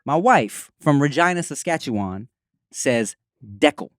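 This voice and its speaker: A man's voice: medium pitch, expressive, a little fast, dry recording. Slangy Los Angeles man, dry sound. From Los Angeles, USA. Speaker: podcast host. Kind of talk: casual slangy podcast chat.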